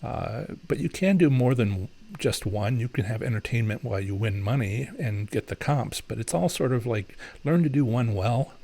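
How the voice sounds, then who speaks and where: A man with a mid-range, warm voice hosts a live Q&A stream, answering viewer questions at a moderate pace with animated delivery and some vocal fry. He barely pauses, talking loosely with lots of fillers and restarts as he explains things and offers advice.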